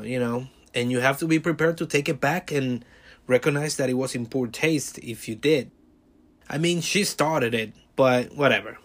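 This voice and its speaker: A man in his thirties hosting a casual solo podcast. He is joking, self-deprecating and rambles as he tells a story. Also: medium pitch. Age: 30s. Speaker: podcast host.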